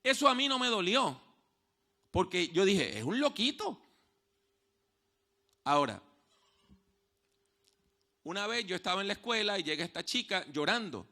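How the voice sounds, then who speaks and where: A man preaching a sermon as pastor, telling stories and dropping from hushed tones to loud outbursts, repeating key phrases slowly for emphasis. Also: high-pitched, very animated. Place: church.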